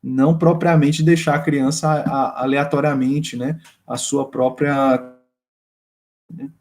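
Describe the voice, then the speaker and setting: A man's voice: mid-range voice, steady tone, slow, darkish tone. A man from Brazil teaching a course on raising children, speaking hesitantly with many fillers and restarts. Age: adult with a young daughter. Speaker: course instructor. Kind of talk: lecture on child education.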